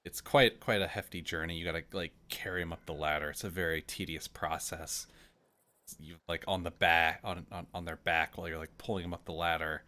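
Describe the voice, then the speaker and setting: Deep, bright-voiced game master. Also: male voice, steady tone, brisk. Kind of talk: improvised tabletop game narration.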